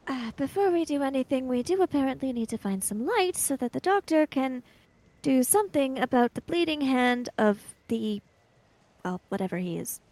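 A woman's voice: high-pitched, expressive, normal speed, a little mellow, no room sound. A woman playing a tabletop game in character, with a dry, sardonic manner. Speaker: player.

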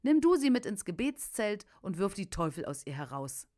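A woman's voice: mid-range voice, big pitch swings, moderate pace, dark tone, lightly acted. A woman voicing a commanding male revival preacher who talks firmly and demandingly.

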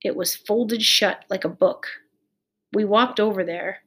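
A woman reading a children's novel aloud in a measured, clear storytelling voice. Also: medium pitch. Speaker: audiobook reader. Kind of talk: scripted narration of a children's novel.

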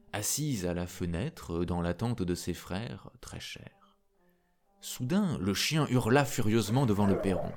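A male storyteller reading a fairy tale slowly, with a voice that rises and falls dramatically. Faint music plays behind him. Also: on the low side. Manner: expressive, dramatic. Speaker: narrator.

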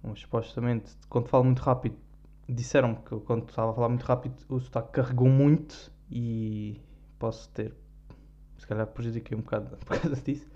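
A young man with a European Portuguese accent tells a story in casual podcast chat, rambling and self-mocking, stopping often for fillers. His voice is mellow and soft-edged. The recording sounds dull and lo-fi. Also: medium pitch, fairly even intonation, brisk. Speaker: podcast host.

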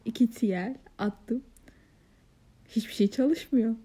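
A woman's voice: fairly high pitch, slow, dark tone, slightly rough. A young woman co-hosting a podcast in casual chat, telling stories playfully and teasing. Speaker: podcast co-host.

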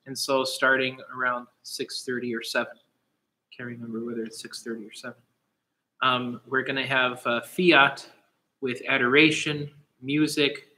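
A man co-hosting an online show who chats casually, then leads a blessing in an earnest, steady manner. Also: mid-range voice, poor audio. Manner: earnest, slow and steady when praying. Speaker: co-host. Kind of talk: casual chat and spoken prayer.

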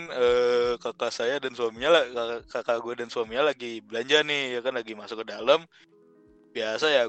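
A man's voice: mid-range voice, a bit bright. A young man telling a story in slangy casual chat, rambling and laughing as he goes. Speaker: guest storyteller.

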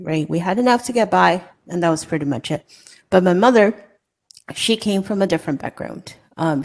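A woman from Hong Kong, a co-author sharing a personal story in an earnest, conversational way. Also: lowish voice. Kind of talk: casual conversation.

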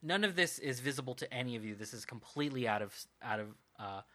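A man's voice: medium pitch, expressive, quick pace, pushed and bright. A man narrating a tabletop game as game master, rambling with lots of ums and uhs.

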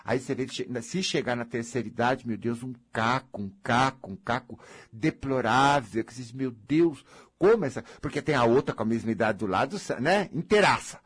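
A man's voice: mid-range voice, moderate pace, husky. A man with a Brazilian accent giving a blunt, theatrical, scolding talk as a counselor, now and then mocking whiny voices. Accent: Brazilian Portuguese. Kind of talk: blunt motivational monologue.

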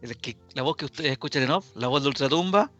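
Bright-voiced Chilean man hosting talk radio. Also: mid-range voice, fast talker, dull audio, soft background music. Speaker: radio talk show host. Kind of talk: live current-affairs radio talk.

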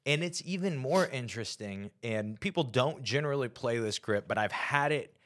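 A man's voice: medium pitch, expressive, normal speed, fairly bright tone. Man, podcast host, casual chat, teasing, laughs a lot. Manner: joking, teasing, laughs often.

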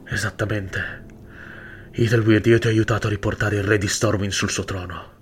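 A man voicing a calm, blindfolded elf. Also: fairly low pitch, husky. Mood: insistent. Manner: calm, measured, quietly insistent. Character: mysterious blindfolded male elf, calm and insistent. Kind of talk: audiobook character reading.

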